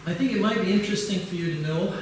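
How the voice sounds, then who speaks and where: An older man from England delivers a halting academic lecture, full of restarts and filler sounds. His voice sits a little high for a man. He is recorded from well back in a very echoey conference hall with steady background noise. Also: far from the mic. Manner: hesitant, many uhs and restarts. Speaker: keynote lecturer.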